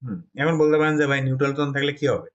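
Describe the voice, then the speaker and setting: A man's voice: on the high side, racing, lo-fi sound. A man from Bangladesh teaching a Chinese pronunciation class, explaining step by step and often checking that the students follow. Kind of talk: classroom lesson.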